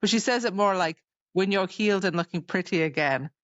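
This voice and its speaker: Speaking fairly quickly in a medium-pitched voice, a podcast co-host chats about a fantasy novel she's recapping, performing the characters' lines as she goes. There's no room sound, and the audio is dull.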